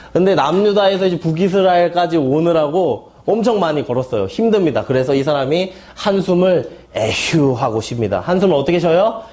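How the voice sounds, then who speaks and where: Male seminar instructor, a little high-pitched, playful classroom call-and-response delivery. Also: a little mellow. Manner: playful mnemonic wordplay, asks and answers his own questions. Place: lecture hall at a seminary.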